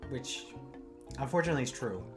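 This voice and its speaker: A man co-hosting a casual comedy podcast, telling rambling deadpan tall tales with many fillers. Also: medium pitch, brisk, music in the background. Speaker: podcast co-host.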